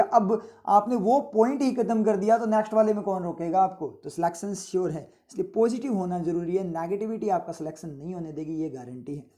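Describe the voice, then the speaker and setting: A man's voice: high-pitched, dark tone. A man from India teaching vocabulary, explaining words over and over and often checking that students follow. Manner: repetitive explaining with frequent rhetorical checks. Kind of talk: vocabulary lesson with motivational asides.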